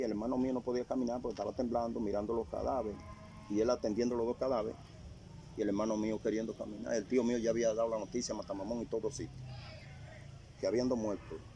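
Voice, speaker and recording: An older man tells his story in a halting way, circling back over his own phrases as he remembers. His voice sounds dark and mellow, recorded outdoors in a rural spot with faint noise behind him. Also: lowish voice. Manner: halting, repeats phrases as he recalls. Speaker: interviewee sharing a testimony. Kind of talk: casual storytelling.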